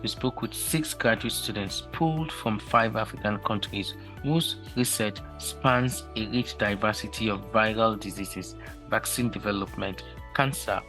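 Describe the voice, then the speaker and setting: A man hosting a podcast, reading a measured, formal scripted introduction. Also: lowish voice, fairly bright tone, poor audio. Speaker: podcast host. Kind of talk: scripted narration. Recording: faint music behind.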